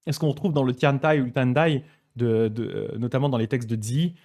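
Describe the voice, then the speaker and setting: Man teaching a casual live study session. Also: mid-range voice. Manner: relaxed, explanatory, chatty with frequent hesitations; reads passages aloud slowly, then comments. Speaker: Buddhist teacher.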